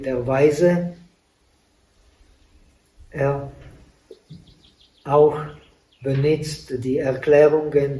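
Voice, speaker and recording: Slow, halting monk in an echoey hall. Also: male voice, mid-range voice, warm tone. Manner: halting, with frequent pauses and fillers; non-native German with broken grammar. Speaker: Buddhist monk teaching meditation. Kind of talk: dharma talk at a meditation retreat. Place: retreat meditation hall. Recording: echoey room, voice from a distant mic.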